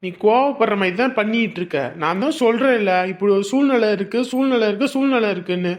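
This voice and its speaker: A man's voice: high-pitched, fast talker, lightly acted. An actor playing a stubborn young husband who lectures his wife and turns harsh, in a family drama. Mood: angry scolding. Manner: lecturing, repeats himself, grows harsh. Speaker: husband leaving home for work. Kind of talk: Tamil family drama acting.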